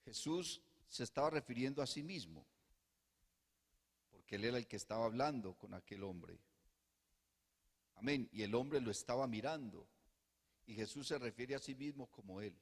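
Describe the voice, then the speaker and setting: A male pastor preaching a sermon, swinging between soft hushed passages and loud fervent bursts, with rhetorical repetition. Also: medium pitch, animated, normal speed, long pauses, slightly rough. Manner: rhetorical repetition and calls of "hermano". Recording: long hall reverb.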